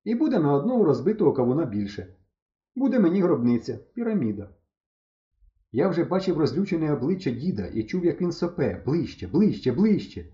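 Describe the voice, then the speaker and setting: A man reading a humorous story aloud in the first person, with lively, mock-dramatic narration. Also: a little high, a little fast. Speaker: audiobook narrator. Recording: dull lo-fi recording.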